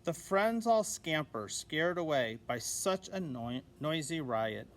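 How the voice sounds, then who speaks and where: A man reading a children's picture book aloud as a teacher, gently and expressively, giving the dogs little voices. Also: a little high, sing-song, takes it slowly. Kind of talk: children's storybook read-aloud.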